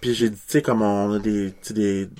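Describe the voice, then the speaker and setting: A man's voice: lowish voice, level tone, brisk, a little mellow. A man with a New Brunswick French accent, chatting casually on a podcast, swearing often. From New Brunswick, Canada.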